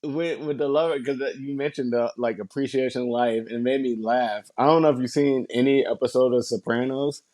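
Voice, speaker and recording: A man co-hosting a relaxed podcast, speaking at a mid pitch. He tells animated, rambling stories full of swearing and casual slang. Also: fairly quick, few pauses, no room sound. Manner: animated storyteller, swears a lot, says bro. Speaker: podcast co-host.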